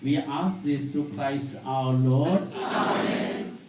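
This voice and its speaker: Slow, echoing priest praying at a graveside. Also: male voice, on the high side. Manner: measured, formal recitation in short phrases. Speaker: priest leading a funeral burial service. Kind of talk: solemn liturgical prayer at a graveside. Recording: distant, very echoey, faint background noise.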